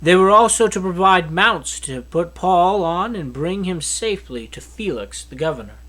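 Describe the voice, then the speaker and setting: A man reads a Bible chapter aloud at a moderate pace with lively pitch. His reading is steady and earnest, with small slips and restarts.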